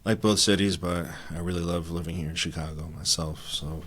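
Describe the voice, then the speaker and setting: A man's voice: deep voice, steady tone, fairly quick, a bit bright, breathy edge. A man from Connecticut hosting an interview podcast, with friendly, brief encouraging backchannels. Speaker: podcast host.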